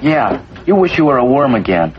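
A man's voice: medium pitch, big pitch swings, normal speed, a crowd in the background, lightly acted. A young male actor with an American accent playing a skeptical, matter-of-fact teenage older brother in a 1950s family sitcom. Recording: muffled, very noisy old TV soundtrack.

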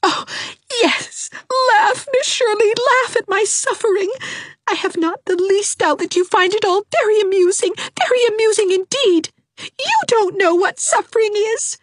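Reading from a storybook, a young woman weeps in a high, quavering voice, stretching every word with theatrical self-pity. She pitches far above the reader's natural register, slow and choked with tears, tearful and melodramatic. The recording is dry and close, with no room sound.

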